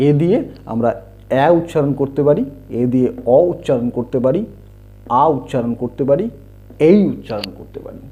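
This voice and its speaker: A man teaching English letter sounds, spelling words out and repeating the sounds slowly. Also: medium pitch, mellow. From India. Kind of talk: slow explanatory lesson. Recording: dull lo-fi home recording.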